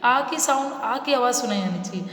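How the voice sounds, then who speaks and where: A woman teaches small children to read, patient and repetitive, stretching each sound slowly. Her voice sits a little high. The room rings with a long, echoey reverb. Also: animated, fairly bright tone. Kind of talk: children's reading lesson.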